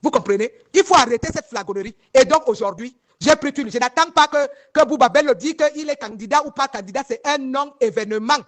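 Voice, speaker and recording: A woman's voice: high-pitched, a little fast, few pauses. A woman from northern Cameroon, giving heated first-person testimony straight to her viewers, emphatic and rambling, often repeating herself and asking if they follow. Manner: emphatic and rambling, with many repeated words and restarts.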